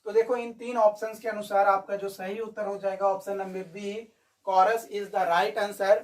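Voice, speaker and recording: A man's voice: high-pitched, little pitch movement, a little slow, recorded from a distance. A male coaching teacher going through exam answers in a chatty video lesson, repeating his key points.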